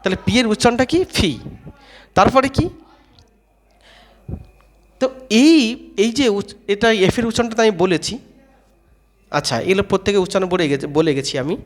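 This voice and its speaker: A man giving a spoken lesson on how to say letters, asking questions, answering them himself and repeating each sound slowly. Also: sits high, animated. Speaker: English teacher.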